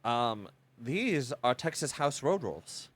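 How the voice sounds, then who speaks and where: A man's voice: medium pitch, very animated, slow, fairly bright tone, exaggerated voice. A man voicing a noble lord hosting a dinner, formal and eager to please, who fumbles and hesitates as he talks. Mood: fussing. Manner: stately but fumbling, hesitant fillers.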